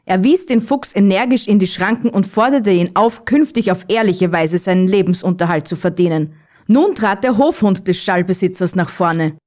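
A woman calmly reading a children's Christmas story aloud as narrator. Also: medium pitch, normal speed.

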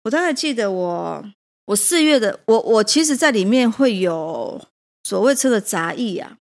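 A woman's voice: medium pitch, expressive, moderate pace. A woman, a prison teacher and café owner, telling a personal story with emotion and hesitant restarts.

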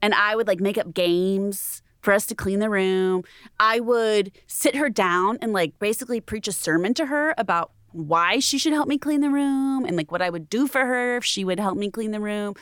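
A woman's voice: mid-range voice, moderate pace, a bit bright, clear, resonant tone, no echo, studio quality. A woman in a casual chat, telling a childhood story in a chatty, reflective way.

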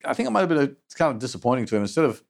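An older man, recalling his past as an interview guest in a halting, reflective way. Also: medium pitch, very animated, creaky. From United States. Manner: halting, with restarts and soft trailing endings. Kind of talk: reflective personal recollection.

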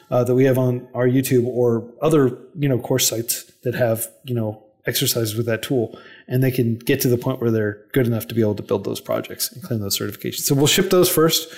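Earnest man explaining at quick pace. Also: medium pitch, darkish tone. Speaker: podcast guest, non-profit founder. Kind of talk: casual podcast interview.

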